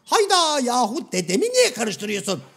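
Brief: a prim, fussy shadow-play gentleman in a very high, thin voice, formal and exasperated. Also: huge pitch swings, normal speed, gravelly, heavily acted. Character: Hacivat, prim exasperated educated gentleman, male. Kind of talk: comic shadow-play sketch.

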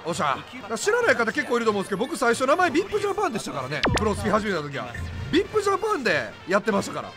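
Excitable high-voiced man with a Kansai accent. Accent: Kansai Japanese. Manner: excitable, loud outbursts and rapid repeated exclamations. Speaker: game YouTuber. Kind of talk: live gameplay commentary. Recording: game music behind the voice.

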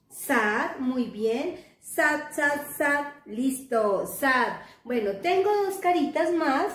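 A Colombian woman teaching kindergarten children in a recorded remote class, sing-song and coaxing, often checking with the kids. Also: high voice. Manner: sing-song, coaxing, asks "¿cierto?" a lot. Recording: echoey room.

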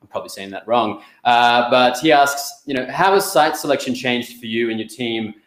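Friendly young host in an echoey room. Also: male voice, mid-range voice, moderate pace, fairly bright tone. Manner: friendly, reads audience questions, stumbles on restarts. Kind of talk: business video interview. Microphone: webcam on a video call. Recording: echoey room on a video call.

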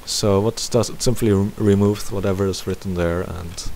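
In a casual screen-capture tutorial, a man explains a game step by step, thinking out loud. His voice is low-pitched and paced normally, and the recording carries a continuous hiss.

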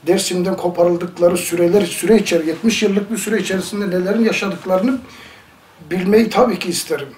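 A man's voice: high-pitched, fairly even intonation, brisk, darkish tone, a little hiss or hum. A man in a documentary interview, speaking thoughtfully and searching for words about missing relatives. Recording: echoey room, mic at a distance.

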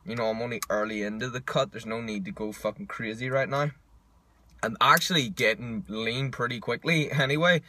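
A young man talks through his day in a relaxed, casual vlog style, swearing freely. His pitch sits mid-range for a man. It is recorded on a simple camera mic. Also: a little fast. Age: young adult. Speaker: fitness vlogger. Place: gym, parked car, home kitchen.

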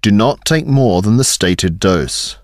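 A man's voice: fairly low pitch, animated, takes it slowly, no echo, clean studio sound. A man reading phrases with careful model pronunciation for learners. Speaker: English phrase reader.

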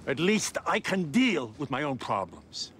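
An actor playing a grumpy, profane, quick-tempered old mob uncle in a television drama, a man. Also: fairly high pitch, very animated, a bit bright, a little hiss or hum. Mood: grumpy, irritated. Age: 70s.

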